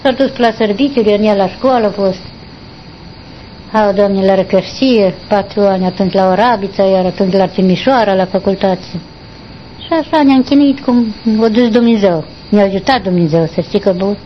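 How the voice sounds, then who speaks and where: An older woman, recalling her past in a rambling, halting way during an interview. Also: medium pitch, a little hiss or hum. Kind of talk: oral history recollection. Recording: dull lo-fi recording.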